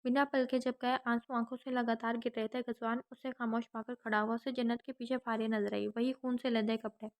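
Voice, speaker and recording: Brief: woman narrator, somewhat high voice, dramatic audiobook reading. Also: little pitch movement, hardly any pauses. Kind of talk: scripted novel narration.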